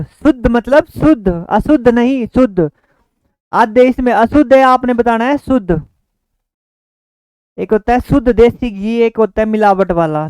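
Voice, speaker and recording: A man teaching an exam-prep grammar lesson. His voice is smooth and clear, recorded close and dry no room echo. He repeats each question and key word patiently for his viewers. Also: sits high, a little mellow.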